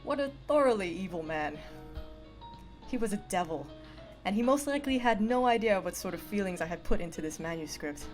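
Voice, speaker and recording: A woman's voice: mid-range voice, a little fast, soft background music. Woman streamer reading a story aloud. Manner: expressive, playful read-aloud. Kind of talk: reading narration with casual asides.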